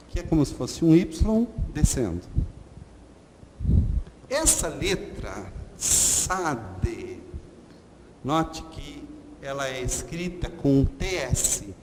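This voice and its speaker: A man teaches at an unhurried, deliberate pace. His fairly high voice carries a long reverb. A faint hiss sits under the recording. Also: darkish tone. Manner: slow, patient, repeats letter sounds, frequent "ok?". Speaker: Hebrew teacher. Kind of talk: online lesson at a whiteboard.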